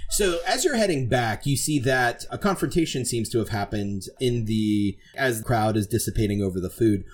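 A man's voice: mid-range voice, lively intonation, moderate pace, a little hiss or hum. A man narrating as game master for a tabletop game in a casual, chatty way. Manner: casual, laughing, filler-heavy narration.

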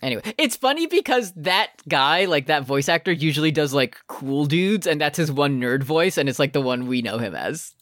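A man's voice: fairly high pitch, moderate pace, hardly any pauses, no room sound, studio quality. A man co-hosting a podcast, recapping an anime in casual, joking chat. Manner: lively, joking, exclaims loudly when excited. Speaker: podcast co-host.

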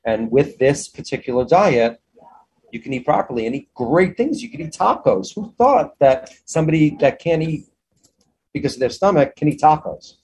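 A man's voice: fairly high pitch, animated, normal speed, darkish tone, slightly rough. A man speaking as an interview guest about his own business in an enthusiastic, effusive, conversational way.

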